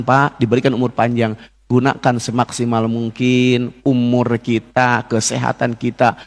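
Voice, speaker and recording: Gravelly-voiced male preacher. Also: medium pitch, a little mellow. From Indonesia. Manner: emotional storytelling, often adds "Pak". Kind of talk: sermon. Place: mosque.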